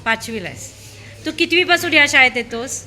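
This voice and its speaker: A woman's voice: high voice, expressive, fairly quick, sharp tone. A woman questioning a class of schoolchildren in a school room, prodding them with repeated, coaxing questions.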